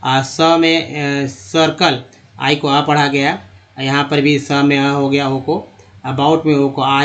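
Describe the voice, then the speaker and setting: A man teaching English reading, slowly and patiently sounding out words one by one. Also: fairly high pitch, highs cut off. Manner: slow, patient word-by-word drilling.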